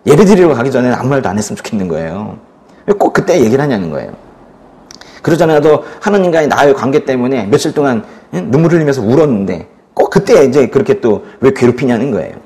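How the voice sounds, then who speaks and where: A male pastor preaching a sermon in an animated storytelling manner, asking the congregation questions and acting out the lines he quotes. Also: medium pitch, fast.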